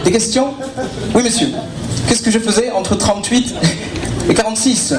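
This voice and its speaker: A man playing a pompous German former opera singer in a stand-up sketch, with a German accent and stiff, formal, deadpan delivery. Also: high-pitched, moderate pace, very noisy, close to an everyday voice. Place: comedy stage before an audience. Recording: roomy live club recording, loud crowd laughter.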